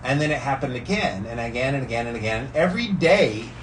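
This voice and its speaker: A man's voice: medium pitch, lively intonation, fast. An American man vlogging casually and enthusiastically while sitting in ice-cold water, with slangy, emphatic talk. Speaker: vlogger doing a daily challenge. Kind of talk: casual rambling vlog talk. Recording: distant mic with faint background noise.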